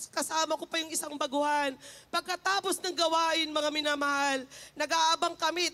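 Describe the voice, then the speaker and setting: A woman's voice: high voice, sharp tone. A woman giving an emotional church testimony to a congregation, fervent and often repeating a phrase of endearment to the listeners.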